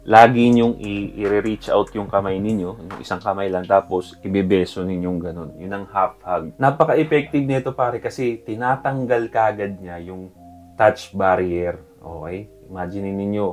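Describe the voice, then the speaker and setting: A Filipino-accented man with a fairly low voice talks through dating tips in a loose, chatty vlog manner, often turning to the listener as pare or bro. Soft background music plays faintly under his voice. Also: normal speed, few pauses. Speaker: dating advice vlogger. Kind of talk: casual advice talk.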